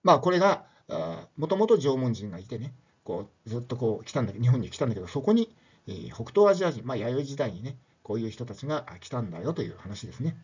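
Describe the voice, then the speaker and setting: A man's voice: mid-range voice, very animated, fast talker, a little mellow, breathy edge, lo-fi sound. An older man giving a casual spoken lecture, chatty and loose, with many tag questions and fillers.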